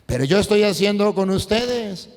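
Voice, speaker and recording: Priest guy preaching, highish voice, jumps loud and soft a lot, long echo tail. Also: normal speed. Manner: animated storytelling with sudden swings in pitch and loudness. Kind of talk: preaching sermon. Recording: long hall reverb.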